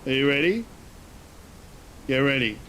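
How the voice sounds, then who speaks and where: A man chats casually while streaming a game. He rambles and thinks aloud in loose slang at a middling pitch. There is clear machinery-like ambient noise behind his voice. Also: very animated, unhurried, a bit bright. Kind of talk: casual live gameplay commentary.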